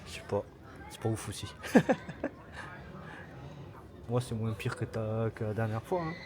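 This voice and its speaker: A man's voice: lowish voice, unhurried, a crowd in the background. A man from France, chatting informally in short remarks on a travel vlog. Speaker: travel vlogger. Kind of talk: casual chat.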